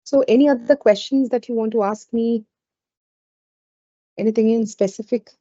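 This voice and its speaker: Female webinar trainer, Indian accent, mellow conversational delivery, roomy lo-fi call audio. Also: fairly high pitch, fairly even intonation, normal speed. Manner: conversational, with frequent "you know" asides. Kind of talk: informal live webinar talk with audience questions. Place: indoors on an online webinar call.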